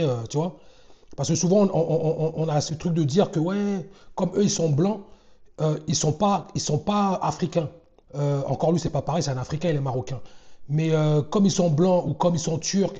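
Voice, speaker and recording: A man's voice: a little high, warm tone, muffled recording. A man casually commenting on comedy clips, talking conversationally with frequent hesitations. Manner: conversational, many fillers and restarts.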